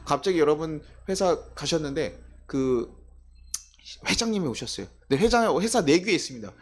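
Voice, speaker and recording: In a church sanctuary, a male pastor with a fairly high voice preaches a Sunday sermon at a moderate pace. He is animated, acting out the voices of the people in his stories.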